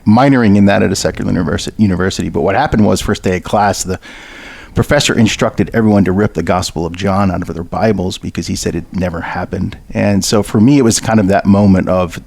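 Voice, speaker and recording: Man, very deep gravelly voice, dry close sound, earnest storyteller. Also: fairly quick, a little mellow, dry recording. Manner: earnest, many fillers. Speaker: podcast guest. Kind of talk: interview storytelling.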